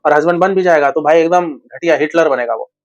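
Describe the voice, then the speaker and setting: A man's voice: a little high, fast, lo-fi sound. A man giving relationship advice in a casual monologue, blunt and slangy with crude humor.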